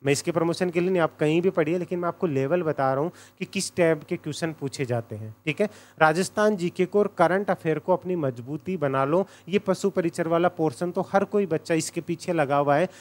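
A man's voice: a little high, a little fast. A man giving a casual exam coaching lecture, direct and repetitive, often checking "okay?". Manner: direct, repeats points, says "thik hai" often.

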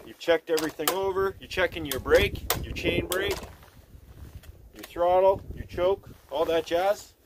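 A man in his forties giving a relaxed, folksy how-to demonstration outdoors in a snowy yard, talking on a camera mic that drifts nearer and farther. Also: sits high, unhurried. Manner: relaxed, folksy, thinks aloud with fillers. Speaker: channel host demonstrating chainsaw maintenance. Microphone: camera mic, he moves nearer and farther. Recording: outdoor camera audio with clear background noise.

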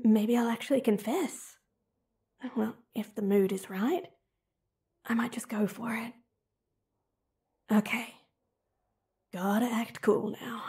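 Using a full character voice that's a little high, warm and slightly rough, a voice actress performs an audio roleplay. She portrays a young woman who teases her childhood friend while secretly crushing on him, alternating whispered inner thoughts with playful banter.

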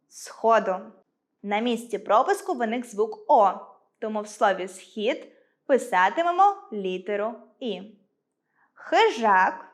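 A woman teaches a school lesson for children. Her voice sits a little high and moves up and down a great deal. She sounds out each example word clearly and unhurriedly. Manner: clear, deliberate dictation of example words.

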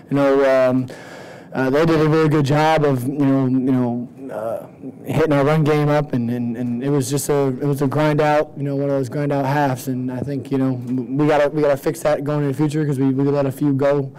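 Young quarterback, flat and mellow. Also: male voice, mid-range voice, rough recording. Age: young adult. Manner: modest, halting, repeats "you know". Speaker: college quarterback. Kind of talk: postgame press conference. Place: press conference room. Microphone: table mic.

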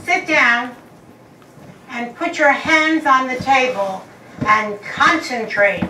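A woman's voice: high voice, takes it slowly, bright, forceful tone, exaggerated voice. An older woman acting a theatrical psychic medium in an amateur stage play, dramatic with gasps and exclamations. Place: community hall stage with live audience. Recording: echoey hall from far off, noisy.

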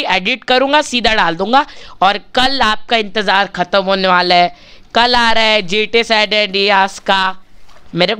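A man's voice: high-pitched, bright, forceful tone, clear, resonant tone. A male gaming channel host giving chatty, casual commentary while he plays, talking straight to his viewers and bargaining with them for likes.

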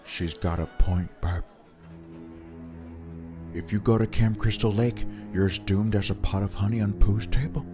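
An amateur actor voicing a blunt young character who gives dry, grim warnings in an animated parody. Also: deep voice, measured pace, long pauses. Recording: clear music behind the voice.

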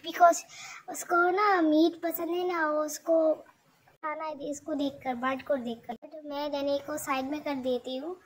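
High-voiced woman narrating her vlog. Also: little pitch movement, a little slow, poor audio. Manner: chatty, scolds her dog. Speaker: vlogger.

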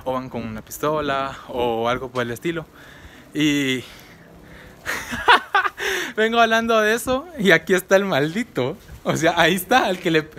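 A young man from Guatemala speaks with a high, pushed, bright voice in a casual, rambling vlog full of fillers and restarts. He films while out and about, at the market and at home.

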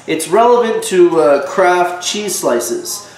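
Congested from a cold, a man in his thirties delivers an indignant warning to the camera in a casual home vlog, his high voice expressive and slow. He's picked up by a nearby camera mic in an echoey kitchen with a little background noise.

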